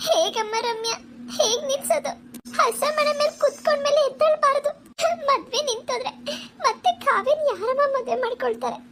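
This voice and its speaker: Tearful anxious cartoon mother, wailing, very high pitch. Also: brisk, a bit bright, a little hiss or hum. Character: fretful tearful middle-aged mother of the bride. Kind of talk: cartoon voice acting.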